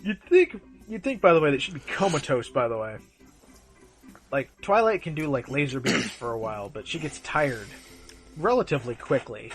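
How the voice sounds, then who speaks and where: A man's voice: mid-range voice, expressive, normal speed, a bit bright, faint music behind. A sleep-deprived man chatting casually as co-host of a fan commentary, animatedly mimicking characters as he talks. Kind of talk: casual chat. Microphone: home microphone.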